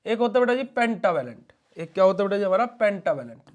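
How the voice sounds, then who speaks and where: A young man with a high voice teaches a pharmacy class. He keeps asking the students a question and then answering it himself, in an affectionate, coaxing teacher's manner. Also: very animated, fast talker. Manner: asks questions and answers them himself, calls students "beta ji". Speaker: pharmacy lecturer. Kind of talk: classroom lecture.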